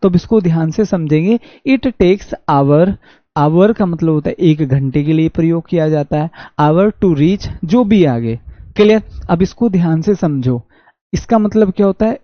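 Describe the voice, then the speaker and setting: A man with a Haryanvi accent teaching an online exam-prep English class, reading sentences slowly and answering his own questions. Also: on the high side, animated, no echo. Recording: dull dry lo-fi audio.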